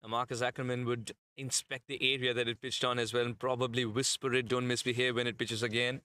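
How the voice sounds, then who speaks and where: Bright-voiced analytical cricket commentator, man. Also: medium pitch, little pitch movement, brisk, no room sound. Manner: analytical, explains tactics at length.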